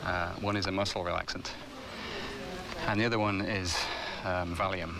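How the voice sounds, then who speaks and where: A man's voice: low voice, level tone, moderate pace, a crowd in the background, low-quality recording. A man speaking as an animal expert on location in a nature documentary, explaining things in an unscripted way. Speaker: crocodile expert. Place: outdoors on location. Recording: outdoor location sound with music.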